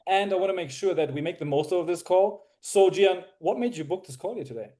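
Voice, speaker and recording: A man's voice: high voice, animated, brisk, dark tone. A man practicing a sales-call role-play on a video call, hesitant and full of fillers. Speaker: sales trainee.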